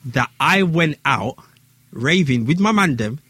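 A man's voice: fairly high pitch, animated, a little slow, pushed and bright, husky, no echo. A man with an urban London street accent telling a story in casual, slang-heavy talk, repeating phrases for emphasis.

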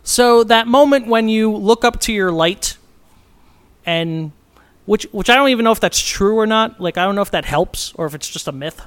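A man's voice: high voice, moderate pace, clean tone. A man co-hosting a podcast in casual chat, playful and rambling, laughing often between his points. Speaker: podcast co-host.

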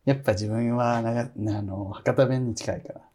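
Husky, giggly man from Nagasaki. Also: medium pitch, steady tone, normal speed. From Iki, Nagasaki, Japan. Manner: soft-spoken, giggly, mostly standard Japanese. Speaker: podcast co-host. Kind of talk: casual chat.

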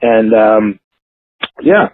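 A man from Canada leaving an earnest, halting voicemail over a landline phone. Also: on the low side, animated, slight background noise. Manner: earnest, halting, searching for words. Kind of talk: casual spoken message. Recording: tinny phone-line voicemail.

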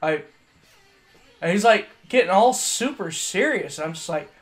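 Soft background music plays as a young podcast co-host with a Southern accent tells stories in a casual chat. His voice sits high, with lively intonation and a moderate pace, and he swears, laughs, and imitates his customers along the way.

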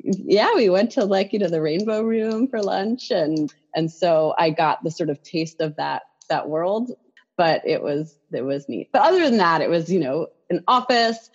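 A woman's voice: on the low side, normal speed, husky, muffled recording. A woman who writes children's picture books, chatting in an interview with lots of fillers and restarts. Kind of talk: casual interview conversation.

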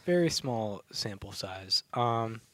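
A man's voice: on the low side, lively intonation, takes it slowly, a bit bright, no echo. A man co-hosting a casual sports podcast, talking with many fillers and restarts. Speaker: podcast co-host.

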